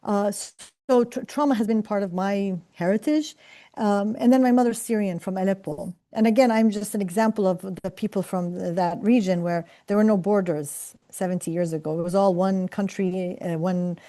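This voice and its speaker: A woman's voice: mid-range voice, moderate pace, warm tone. Earnest middle-aged woman. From Palestine. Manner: reflective, earnest, many fillers and restarts. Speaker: professor and scientist. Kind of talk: career talk to students.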